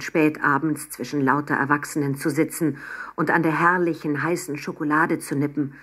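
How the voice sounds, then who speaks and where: Husky, low-voiced woman reading a bedtime story.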